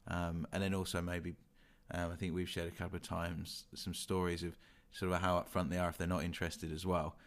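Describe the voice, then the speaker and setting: A man's voice: deep voice, monotone, a little fast, few pauses. A young man with a London English accent, chatting casually and reflectively, hedging often with "sort of" and "you know". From England. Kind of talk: casual chat.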